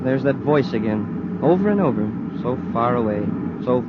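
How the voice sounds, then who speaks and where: An American man playing an eager young space cadet sidekick in a 1950s radio adventure, boyish and excitable in manner. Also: mid-range voice, normal speed, very noisy, natural voice. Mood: dreamy, dazed. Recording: dull vintage radio recording.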